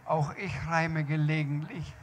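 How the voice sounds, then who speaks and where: A man's voice: fairly high pitch, steady tone, measured pace, a little hiss or hum, close to an everyday voice. A man voicing a modest, courteous grown-up man who likes to rhyme. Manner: modest and polite.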